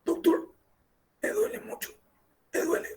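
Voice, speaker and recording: A man's voice: sits high, normal speed, a little mellow, slight background noise, voice pushed up, lightly acted. A man putting on the voice of a distressed, tearful woman patient who pleads and repeats her complaint of pain. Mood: pained pleading.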